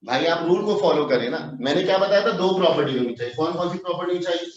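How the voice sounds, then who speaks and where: A man's voice: a little high, expressive, racing. Man teaching a class, echoing from afar. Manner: coaxing questions to students. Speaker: English teacher. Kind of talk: classroom lecture, mixing English phrases into Urdu. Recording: dull, roomy, distant online class audio.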